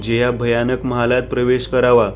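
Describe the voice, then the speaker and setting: A man voicing a frightened young woman in a horror story, begging her friends to turn back, in a flat reading voice. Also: mid-range voice, normal speed, soft background music, natural voice. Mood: scared.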